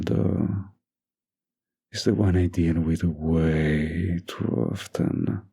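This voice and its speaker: In a deep, mellow, gravelly voice, an actor voices a possessive young mafia heir in an intimate boyfriend roleplay, murmuring and teasing in full character. Here his doting, dominant persona turns disgusted and contemptuous.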